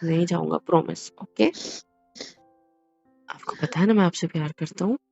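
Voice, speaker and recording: A man's voice: sits high, fast talker, a little mellow, no echo, dull audio, faint music behind, natural voice. A man voicing a young husband in a romantic audio drama, soothing and apologizing with coaxing reassurance. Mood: tender. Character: young husband, gentle and apologetic after a prank.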